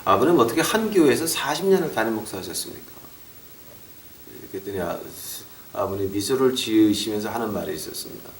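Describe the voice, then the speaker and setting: A middle-aged man preaching a sermon as a pastor. He talks in an animated way, acts out relatives scolding him and drops short English phrases into his talk. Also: on the low side, brisk, slight background noise. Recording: roomy echo, mic far off.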